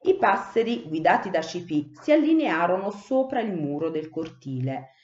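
A woman teacher reading a children's book aloud, with slow, expressive storytelling. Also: fairly low pitch. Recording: echoey room, dull muffled sound.

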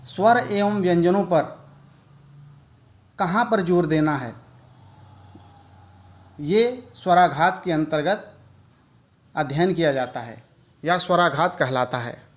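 A man giving a recorded e-learning lecture, explaining slowly and deliberately and speaking worked examples aloud. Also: on the high side. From India. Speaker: teacher educator.

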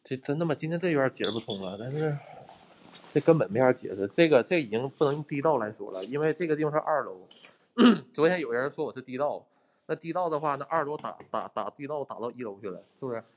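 Fast-talking and lively in intonation, a medium-voiced host livestreams himself hunting ghosts in an abandoned building. He's blunt and profane with his viewers and thanks them whenever they send gifts.

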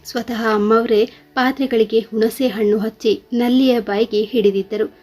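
A woman reading a scripted story aloud in a steady, earnest way. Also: a little high, moderate pace, faint music behind.

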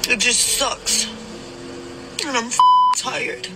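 A woman's voice: a little high, steady tone, slow, poor audio. A woman in her forties venting wearily in a personal vlog. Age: 40s. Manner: weary, venting. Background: music.

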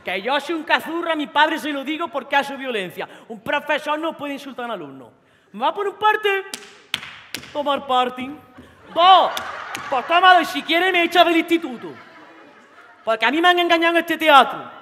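A woman's voice: high-pitched, sing-song, fairly quick, pushed and bright, in a large hall, heavily acted. A woman playing a cocky, macho teenage boy from Jaén with an Andalusian accent, brash and teasing on a theatre stage. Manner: brash, teasing, streetwise slang. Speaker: actress. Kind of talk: theatre monologue.

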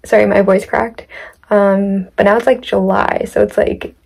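A woman's voice: medium pitch, level tone, normal speed, creaky, a little mellow. A young woman chatting casually as a vlogger, reacting to her old videos and filling her speech with "like". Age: young adult.

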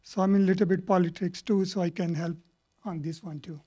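A middle-aged man from Pakistan, Punjabi by native tongue and Pakistani in accent, speaks on a panel through a handheld mic in a lecture hall. His voice sits high, steady and mellow, and his remarks ramble and halt with frequent fillers.

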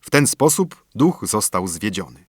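A man reading a fairy tale aloud as an audiobook narrator, in expressive, lively storytelling. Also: lowish voice, unhurried, breathy edge, no room sound, clean studio sound.

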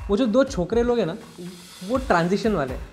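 A man's voice: sits high, animated, fairly quick, darkish tone, faint music behind. A man in a comic sketch playing a stern, mocking rehab centre staffer who scolds the patients.

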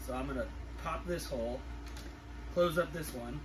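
A middle-aged man with a sick, congested throat, giving a casual hands-on demonstration in a halting mutter as he works. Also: medium pitch. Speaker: food-storage vlogger. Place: small living room, indoors. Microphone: camera a few feet away. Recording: distant camera mic, clearly noisy room.

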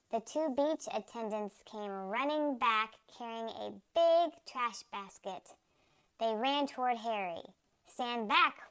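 Slow, clear woman reading a storybook. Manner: slow, careful storybook reading that jumps high and loud for quoted shouts. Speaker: children's book reader. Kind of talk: reading a picture book aloud.

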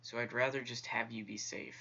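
This gaming YouTuber's let's-play of a horror game has him jumpy, chatting to the on-screen characters and whispering in tense moments. His medium-pitched voice is steady, fairly quick, gravelly and bright, with a forceful delivery and a breathy edge, though the audio sounds dull.

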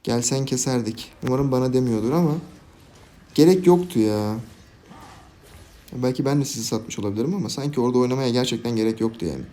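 A young man giving casual, jokey live commentary on his own game, swinging from quiet planning to loud, laughing outbursts. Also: mid-range voice, fast. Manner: excitable, jokey, shouts and laughs at big plays. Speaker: gaming YouTuber.

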